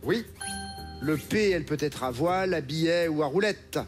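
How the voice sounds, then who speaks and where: A man hosting a TV quiz show in a studio, reading questions briskly and crisply. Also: on the high side, animated, soft background music.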